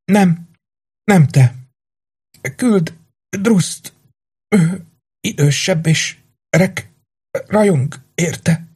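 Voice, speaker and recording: A man doing a dying young warrior woman in an audiobook, pitched well above his own husky voice. she pleads softly with her friend, tender and urgent. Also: long pauses. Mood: pleading.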